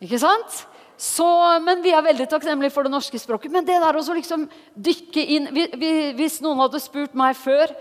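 A woman giving a lively, conversational Bible teaching, often putting questions to her listeners. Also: high-pitched, big-room sound.

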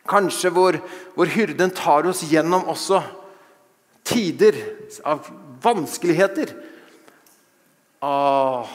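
A man preaching a fervent sermon, often rising to loud exclamations and snatches of song. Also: high-pitched. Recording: long reverb of a large hall.

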